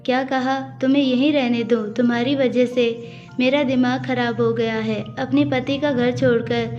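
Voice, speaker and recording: Woman reading a domineering young husband, stern and commanding, flat delivery, dull audio, faint music. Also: high-pitched, moderate pace, natural voice. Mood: harsh.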